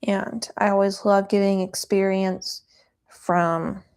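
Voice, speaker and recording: A woman's voice: mid-range voice, flat delivery, slow pace, darkish tone, clear, resonant tone. A woman chatting casually as she works through a live flower pressing demo, thinking aloud and a bit out of breath.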